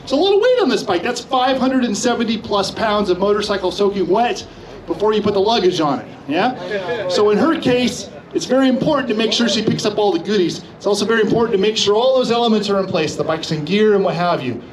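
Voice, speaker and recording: A motorcycle instructor hosts a live demonstration before a crowd, which can be heard behind him. His high voice is expressive and quick, and he plays the showman, joking and addressing the audience directly.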